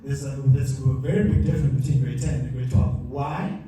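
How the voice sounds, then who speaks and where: In a large hall with a live audience, a motivational speaker talks a little fast in a medium-pitched, dark-toned voice. A distant, echoey hall mic records his emphatic masterclass as he repeats his key lines.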